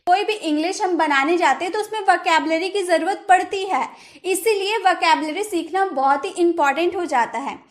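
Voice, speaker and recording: A woman English teacher with an Indian accent giving a vocabulary lesson, repeating each word slowly and reading out example sentences. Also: very high-pitched.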